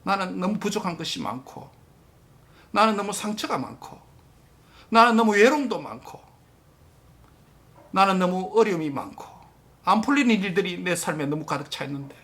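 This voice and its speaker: A male pastor preaching a sermon with impassioned emphasis, addressing the congregation directly and dropping at times to a hushed near-whisper. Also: high-pitched, expressive, normal speed, long pauses.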